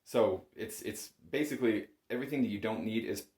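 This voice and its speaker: A man with a low, darkish voice teaches bagpipes at a brisk clip. In the echoing space of a small home music room, he gives a conversational lesson, encouraging and patient as he goes step by step.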